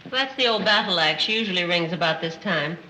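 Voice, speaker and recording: An actress playing a world-weary maid who trades deadpan screwball comedy banter in a 1930s film. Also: female voice, on the low side, fast, natural voice. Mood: deadpan, sardonic. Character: wisecracking, world-weary, sharp-tongued household maid. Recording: noisy old 1930s film soundtrack.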